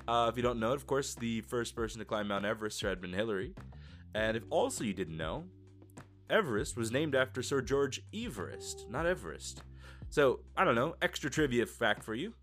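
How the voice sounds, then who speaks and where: A man hosting a casual podcast interview, rambling with lots of fillers and asking friendly questions. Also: medium pitch. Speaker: podcast host. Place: lives and works in Russia as a foreigner.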